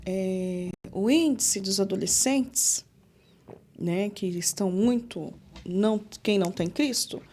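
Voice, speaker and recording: A woman's voice: mid-range voice, slow pace, darkish tone, slight background noise. A woman missionary with a Brazilian Portuguese accent, hosting a faith-based interview, giving short affirmations and then talking in longer turns. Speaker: missionary, show host.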